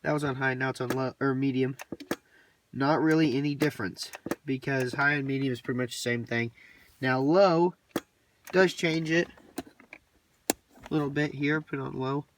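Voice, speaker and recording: A hobbyist shows off his radio gear in a casual, hands-on walkthrough, talking in a plainspoken, folksy way with colloquial grammar. His medium-pitched voice is fairly even at a normal speed, broken by long pauses. The mic is distant, with light background noise and clicks.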